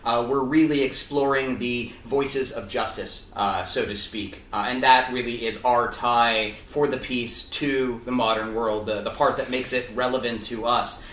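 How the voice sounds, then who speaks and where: A man's voice: mid-range voice, steady tone, unhurried, hardly any pauses, fairly bright tone. A man hosting a fundraising interview, talking in a casual, hesitant way with many fillers and restarts. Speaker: host of a fundraising video interview. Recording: echoey room, a bit far from the mic.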